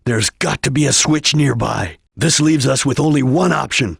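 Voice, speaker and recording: Espio the Chameleon, husky stoic ninja. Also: male voice, mid-range voice, normal speed, no room sound, studio quality. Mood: urgent, alert. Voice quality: husky, gravelly. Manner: terse, solemn, guarded delivery. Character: stoic, watchful ninja chameleon, grave and duty-bound. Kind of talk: scripted video game voice lines.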